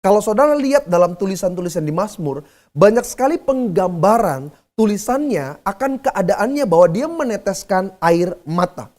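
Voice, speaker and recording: Female pastor, mid-pitched, for a sermon that mixes scripture with loose, joking everyday asides. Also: expressive, normal speed, darkish tone. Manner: chatty and humorous, laughing along with her own examples.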